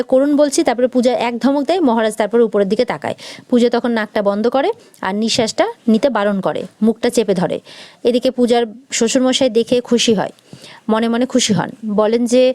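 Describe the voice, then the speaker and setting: A woman quickly retelling a TV serial episode and reading out each character's lines as she goes. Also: fairly high pitch, darkish tone, dry recording. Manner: rapid narration that voices each character's lines in turn. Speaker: serial recap narrator. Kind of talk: fast retelling of a TV serial episode with quoted dialogue.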